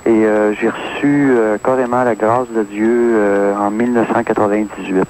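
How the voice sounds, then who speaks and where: A man's voice: fairly low pitch, fairly even intonation, moderate pace, a little mellow, poor audio. A man in his thirties with a Québécois accent calling in to radio, testifying earnestly and hesitating with many fillers. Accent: Québécois French. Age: 30s. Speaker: caller. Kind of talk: phone-in testimony. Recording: caller on AM radio with faint hiss.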